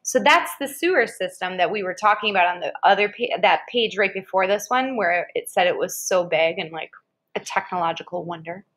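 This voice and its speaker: An American woman reads an educational article aloud to a child in a conversational manner, slipping in short casual asides and quick reactions. Her voice sits on the low side and sounds brisk and slightly bright.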